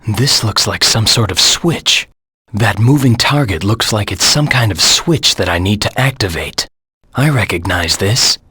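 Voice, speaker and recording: Game character: brooding, self-assured hedgehog anti-hero. Heavily rasping low voice, deliberate and serious. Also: male voice, lively intonation, sharp tone, no room sound, heavily acted. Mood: stern, matter-of-fact. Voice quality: raspy, gravelly. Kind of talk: video game hint voice lines.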